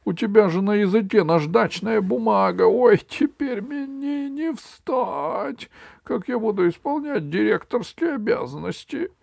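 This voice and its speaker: A man's voice: high-pitched, expressive, a little slow, vocal fry, a little mellow, no echo, clean studio sound, voice pushed up, exaggerated voice. A man reading an audiobook voices a lazy fairy-tale king who whines and complains. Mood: whiny. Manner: whiny, complaining.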